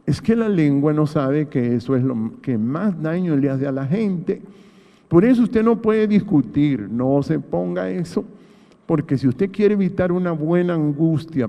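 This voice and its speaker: A man's voice: a little high, mellow, big-room sound. A man, a pastor preaching a sermon emphatically, with rhetorical questions and repeated phrases. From Honduras.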